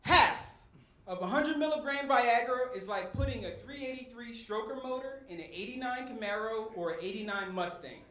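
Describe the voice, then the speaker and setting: On a comedy club stage, a middle-aged stand-up from West Philadelphia works the crowd in a preacher's cadence. He speaks at normal speed in a very high-pitched, sharp voice with lively intonation. Faint crowd noise echoes around the club.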